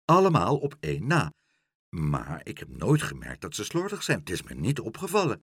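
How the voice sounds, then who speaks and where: Calm, persuasive storybook doctor, read by a man, husky and dry. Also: fairly low pitch, normal speed, dry recording, exaggerated voice. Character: kindly, calm, clever male doctor.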